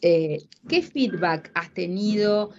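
A woman's voice: fairly low pitch, expressive, slow, a little mellow, a little hiss or hum. A middle-aged woman with an Argentine accent hosting a radio interview, asking questions in a formal, inquiring way. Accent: Argentine Spanish. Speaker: radio show host. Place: indoor room by large windows. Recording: dull lo-fi stream audio.

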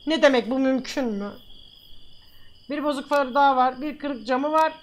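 A woman streamer giving gameplay commentary, brash and mock-stern, scolding and swearing playfully with loud bursts and teasing asides. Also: high voice, normal speed.

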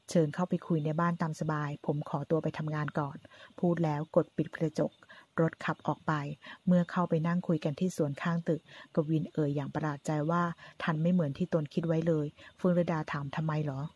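Female audiobook narrator, low and dark, husky, reads the narration and all the dialogue alone. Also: fairly even intonation, a little fast. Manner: reads narration and voices all characters' lines in one voice. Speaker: storyteller reading a drama novel aloud.

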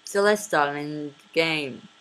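A woman giving casual commentary over a game she is playing, excitable, often repeating words and laughing. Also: low-pitched, slow pace, a little hiss or hum.

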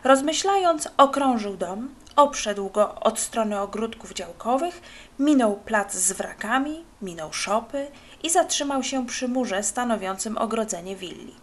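A woman narrating a children's book in an expressive storytelling manner, moving lively through dialogue. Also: fairly high pitch, measured pace. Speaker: audiobook narrator.

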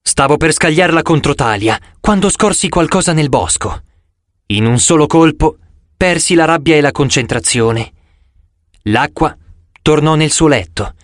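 Expressive male audiobook narrator. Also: on the high side, measured pace, dry recording, studio quality. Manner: expressive, dramatic reading. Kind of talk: scripted first-person narration.

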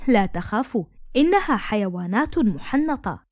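A woman's voice: fairly high pitch, very animated, normal speed, darkish tone, dry recording, clean studio sound. A woman reading the lines of a friendly, proud young man in a told story, in an easygoing manner. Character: friendly young man, host hiding something.

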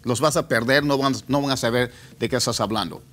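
A man teaching English pronunciation, repeating example words slowly as drills. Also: mid-range voice, a bit bright, soft background music. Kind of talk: pronunciation lesson.

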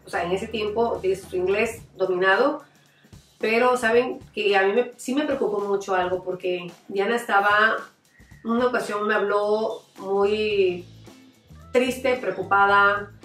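A middle-aged mother speaks heartfelt and reflective, often restarting her sentences, at an ordinary pitch for a woman. Her voice rings in an echoey room, picked up from some distance by the mic. Faint music plays underneath. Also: a little slow, fairly bright tone. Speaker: mother of a former camp participant. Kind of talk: interview, personal testimony.

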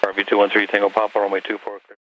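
A man's voice: fairly low pitch, monotone, racing, highs cut off. A man working as an air traffic controller, giving clipped, matter-of-fact instructions by radio, heard over a pilot headset. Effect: aviation radio.

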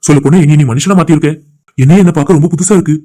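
A man voicing a lovesick young village man in a cartoon, speaking a soft, sincere inner monologue. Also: fairly high pitch, rapid-fire, lightly acted. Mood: longing. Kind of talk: cartoon voice acting.

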